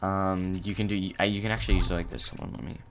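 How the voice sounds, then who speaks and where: A young man narrating a casual gameplay tutorial, halting and low-key with many fillers. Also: fairly even intonation, gravelly, noisy background. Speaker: gaming channel host.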